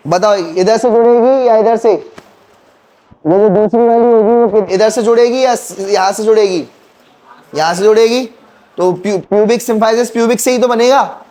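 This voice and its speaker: Man, teacher, high pitch, mellow tone, classroom quizzing. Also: normal speed. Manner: quizzing students, counting bones aloud. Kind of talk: classroom lecture with call-and-response questions.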